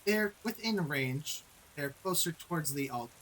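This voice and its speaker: A slightly high-voiced man runs a tabletop vampire game as game master, narrating the fight in a measured way and calling out dice rolls. A faint hiss sits under his voice. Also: animated, a bit bright, poor audio. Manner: measured, calls for rolls and narrates combat results.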